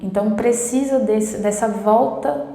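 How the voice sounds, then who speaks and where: A Brazilian woman whose native language is Portuguese gives a chatty, casual online Spanish lesson, repeating herself often and slowing down to demonstrate sounds. Her voice is medium-pitched and dark with vocal fry, and the room is echoey with long reverb.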